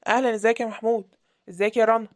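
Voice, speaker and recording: A woman with an Egyptian accent voicing an easygoing young brother-in-law in an animated story, friendly and reassuring. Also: on the high side, rapid-fire, dry recording, clean studio sound, natural voice. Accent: Egyptian Arabic.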